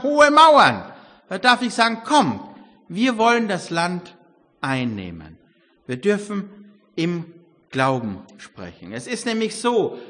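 Emphatic older male preacher, reverberant hall. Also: fairly high pitch. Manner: emphatic, swings between loud exclamations and quiet reflection. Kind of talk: sermon.

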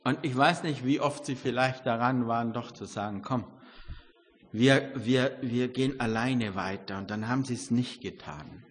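An older man preaching a sermon, emphatic, swinging between loud exclamations and quiet reflection. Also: medium pitch, normal speed. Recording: long hall reverb.

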